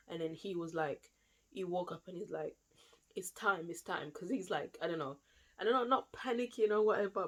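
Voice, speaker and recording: A young woman from London with a London accent, telling a personal story to camera in a chatty, rambling way full of fillers. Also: lowish voice. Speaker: vlogger.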